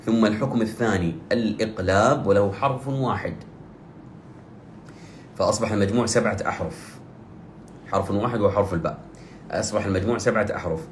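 Low-voiced male Quran teacher, echoey room. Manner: explains rules slowly, repeating recited phrases in a drawn-out chant. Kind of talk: tajweed lesson with recited examples. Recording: echoey room with faint ambient noise.

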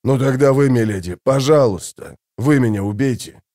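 A man's voice: mid-range voice, moderate pace, darkish tone, close to an everyday voice. A man reading the part of a broken, devoted older warrior-minstrel who speaks in a faltering, pleading way.

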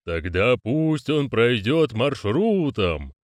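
A male reader voicing a solemn ceremony master who speaks slowly and commands. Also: mid-range voice, sing-song, no room sound, pitched above the performer's own voice. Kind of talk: audiobook character voicing.

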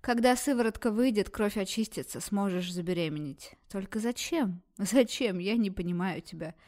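A woman's voice: medium pitch, normal speed, a little mellow, natural voice. Give me a woman playing a ruthless, scornful female doctor with a cutting, lecturing manner.

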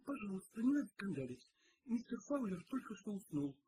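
A man's voice: high-pitched, very animated, a little fast, warm tone, a little hiss or hum, pitched above the performer's own voice. A man doing a firm polite nurse. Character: calm firm nurse, a woman.

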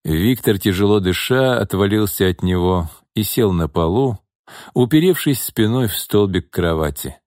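A man reading a thriller audiobook in a steady, even scripted narration. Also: on the low side, moderate pace, no room sound, clean studio sound.

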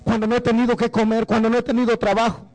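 A man's voice: little pitch movement, fast, a little mellow, rough recording. A man from Guatemala, preaching an evangelical sermon as a guest preacher and rising into fervent preaching. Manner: rises to fervent, high-pitched preaching.

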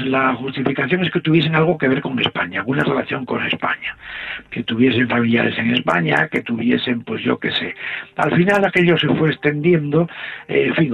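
A man, an interview guest calmly explaining history with frequent "eh" pauses. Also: medium pitch, vocal fry, husky. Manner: measured, explanatory, pauses often with "eh". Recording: tinny phone-like line.

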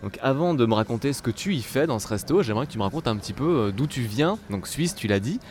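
A man's voice: mid-range voice, expressive, fast, darkish tone, slight background noise. A man hosting a casual interview, asking questions inquisitively. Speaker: interviewer, host. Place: restaurant.

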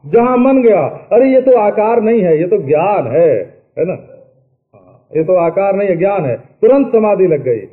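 A man with a high voice delivers an unhurried spiritual discourse, drawing out each phrase. Now and then he chants verses and drops in conversational asides. The old recording is thin and tinny, like a phone line. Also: lively intonation. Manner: slow, explanatory, with chanted Sanskrit verses and asides. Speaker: spiritual teacher. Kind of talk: Vedanta discourse. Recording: tinny lo-fi archival tape.

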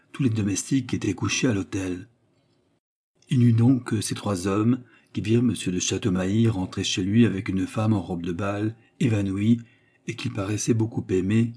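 A man narrating a classic novel in a measured, literary storytelling manner. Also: on the low side, mellow, breathy edge. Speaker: audiobook narrator. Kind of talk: scripted narration.

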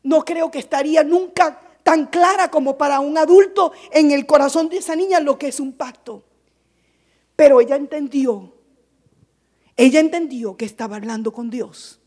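A woman preaching a fervent sermon, with emphatic repeated phrases, who swings from soft asides to shouted exhortation. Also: high-pitched, moderate pace.

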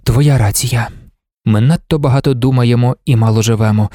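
A man's voice: medium pitch, normal speed, mellow, no echo, studio quality, natural voice. A man reading a musing, philosophical young lover. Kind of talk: audiobook reading.

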